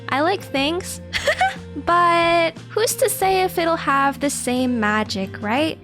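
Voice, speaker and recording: A woman in her twenties chatting casually as a reacting streamer, with a cute, playful, excitable anime-streamer delivery and some swearing. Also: sits high. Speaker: streamer reacting to animation news.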